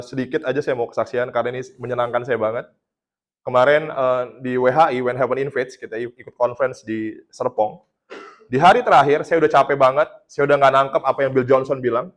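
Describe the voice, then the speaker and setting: A man from Indonesia preaching a casual sermon, telling a testimony in a chatty storytelling way and laughing at his own jokes. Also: mid-range voice. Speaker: pastor.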